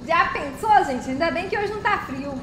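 Giggly high-voiced woman streamer. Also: animated, moderate pace. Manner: giggly, can't stay serious. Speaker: live streamer. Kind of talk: casual chat with stream viewers while gaming. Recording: roomy echo, loud vehicle game noise.

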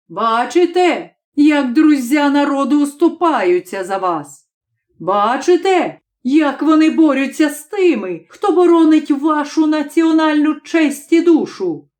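A woman reading an audiobook, voicing a hot-tempered male nationalist passenger who bursts into indignant shouting. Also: fairly high pitch, takes it slowly. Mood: ranting.

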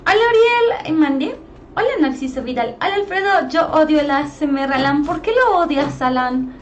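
A woman's voice: high-pitched, expressive, moderate pace, lo-fi sound, noisy background. A young woman with a Mexican Spanish accent streaming a game, chatty and playful as she greets viewers by name. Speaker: gaming streamer. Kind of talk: live-stream commentary, greeting chat.

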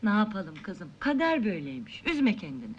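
Kindly older woman, motherly, consoling, lively intonation, old film drama. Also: medium pitch, fairly quick, husky, highs cut off.

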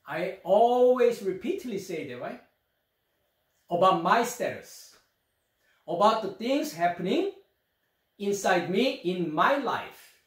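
A middle-aged man with a Korean accent lectures on scripture in front of a screen. His voice sits high and moves animatedly up and down as he asks rhetorical questions. The small room adds a noticeable echo. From South Korea. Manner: rhetorical questions, gestures while explaining. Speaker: Bible teacher. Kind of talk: Bible study lecture to camera.

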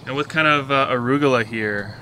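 A man interviewing a farmer he mentored, speaking casually outdoors in a backyard garden and encouraging him with quick affirmations. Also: medium pitch, bright, forceful tone, a little hiss or hum.

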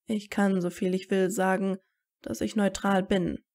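A woman's voice: medium pitch, level tone, a little slow, darkish tone, lightly acted. A woman reading as a wary, bitter teen wizard. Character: guarded teenage wizard boy, wary and bitter.

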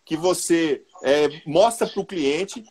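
Husky, high-voiced Brazilian sales trainer. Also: male voice, slow pace. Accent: Brazilian Portuguese. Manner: colloquial, lively, addresses the audience directly. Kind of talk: live online sales talk.

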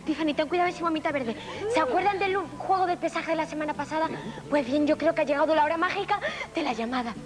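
Actress as a high, quick comic witch. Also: close to an everyday voice. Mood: emphatic. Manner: squabbling, exclamatory. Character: excitable silly comic witch in pointed hat. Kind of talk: theatrical comedy sketch on television.

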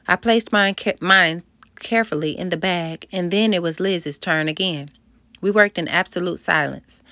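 A woman's voice: on the low side, a bit bright, no echo. A woman narrating a first-person storybook, reading expressively and voicing the dialogue. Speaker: audiobook narrator.

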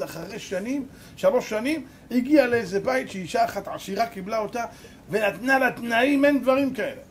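A rabbi giving a sermon, telling a story dramatically and swinging between loud and hushed. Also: male voice, high-pitched, slight background noise. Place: live lecture event.

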